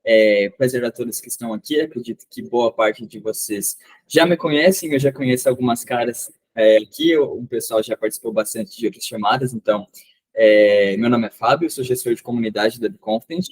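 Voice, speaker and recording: A man's voice: medium pitch, fast talker, slightly rough, no echo, poor audio. A man whose first language is Portuguese, hosting and moderating an online class on a video call, polite and formal with many fillers. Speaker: community manager and moderator.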